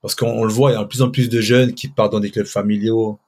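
A man's voice: fairly low pitch, flat delivery, fast, darkish tone. A man co-hosting a casual podcast, putting long, winding questions to a guest with fillers. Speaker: co-host asking questions.

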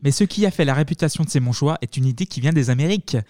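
Male podcast host, quick and animated, dry studio sound, bantering presenter style. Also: on the high side, dry recording.

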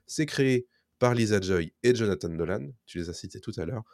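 Male podcast co-host, lowish voice, dry close mic, reads release picks with eager asides. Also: animated, brisk, a little mellow, no echo. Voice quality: enthusiastic, nostalgic. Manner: reads listings then riffs. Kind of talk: casual podcast chat.

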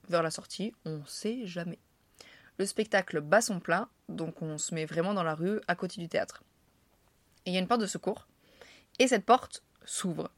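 Young Frenchwoman, casual vlogger, self-mocking and slangy, slightly low voice, dry close mic. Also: fairly bright tone, no echo. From France. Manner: chatty, self-mocking, slangy, laughs often. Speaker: vlogger telling anecdotes. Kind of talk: casual storytelling to camera.

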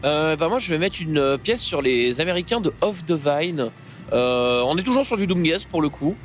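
A man's voice: fairly high pitch, moderate pace, soft background music. A French man talking casually and hesitantly from inside a car. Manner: hesitant, relaxed. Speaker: podcast co-host.

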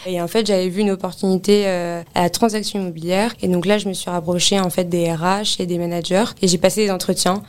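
This twenty-something office real estate consultant from Paris talks fast with few pauses in a lowish voice. As a podcast guest, she discusses her career in a relaxed, conversational way, frequently saying "euh."

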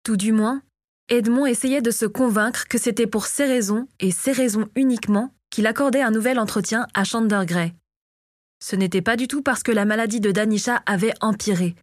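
A woman narrating a fantasy audiobook in a calm, measured storytelling manner. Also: a little high, dry recording, studio quality. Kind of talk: scripted narration of a fantasy novel.

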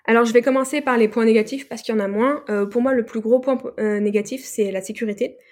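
A woman's voice: a little high, fairly even intonation, fast talker, a little mellow. Rambling young Frenchwoman telling travel stories. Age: young adult. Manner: rambling, many fillers and restarts. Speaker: guest. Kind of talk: casual interview chat.

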